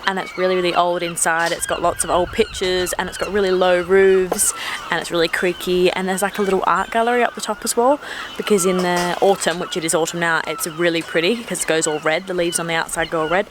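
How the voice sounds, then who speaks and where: A woman's voice: fairly low pitch, very animated, fast talker, noisy background. A young woman chatting upbeat on a casual travel vlog, talking to a camera held at arm's length. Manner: chatty and upbeat, describing food and sights. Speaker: travel vlogger. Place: outdoors and in a tea room, on the road.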